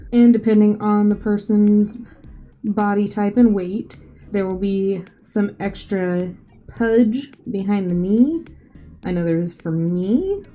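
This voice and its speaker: A woman's voice: medium pitch, dark tone. A woman hosting a drawing tutorial, talking in a casual, chatty voice-over with light self-joking asides. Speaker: art tutorial host. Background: faint background music.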